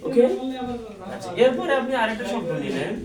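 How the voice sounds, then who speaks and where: High-voiced man teaching in an echoey room. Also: sing-song, fairly quick, distant mic. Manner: counts aloud and sounds out words syllable by syllable; asks questions then answers them himself. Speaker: English teacher. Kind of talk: explanatory classroom lesson.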